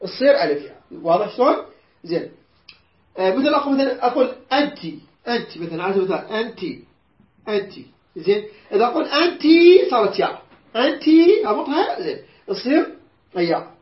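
A woman's voice: mid-range voice, very animated, fast. Iraqi woman teaching Quran recitation, roomy. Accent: Iraqi Arabic. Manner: patient, repeats words and quizzes students. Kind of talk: teaching a class. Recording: roomy dull lo-fi recording.

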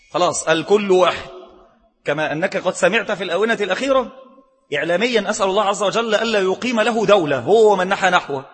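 Fast, emphatic Egyptian preacher in a hall. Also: male voice, sits high, fairly bright tone, husky. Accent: Egyptian Arabic. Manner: emphatic, rhetorical questions to the listener; mixes formal recitation with colloquial asides. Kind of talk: sermon.

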